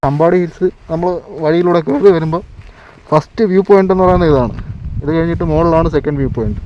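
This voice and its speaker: Higher-pitched man mixing in English, outdoor noise. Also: fast, dull audio. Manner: mixes English words into Malayalam; exclaims in slang, often asks viewers how it is. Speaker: motovlogger, host. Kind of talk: casual travel vlog chat to viewers. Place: outdoors on a hill road, by motorbike. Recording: noisy outdoor ride with vehicle noise.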